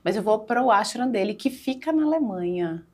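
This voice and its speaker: A woman's voice: medium pitch, animated, normal speed, a little mellow. A woman speaking as a podcast guest, telling an emotional spiritual story in casual conversation, with many fillers.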